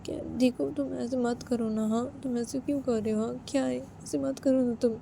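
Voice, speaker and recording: A woman's voice: sits high, fairly even intonation, normal speed, gravelly, noisy background, voice pushed up. A woman voicing a heartbroken young woman who pleads tearfully and keeps repeating herself. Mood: pleading. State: crying. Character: heartbroken young woman sobbing to her mother-in-law.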